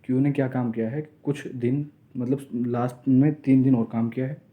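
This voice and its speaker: A man teaching exam math step by step, reading each question slowly and then explaining it. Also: mid-range voice, steady tone, phone-quality sound. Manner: explains step by step, often asks and answers himself; reads English question text slowly, then explains it in Hindi. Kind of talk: exam-prep math lesson.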